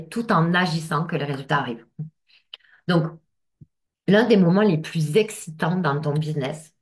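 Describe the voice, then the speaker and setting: A woman giving a casual coaching talk to camera as a business coach, speaking straight to the listener and checking in often. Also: deep voice.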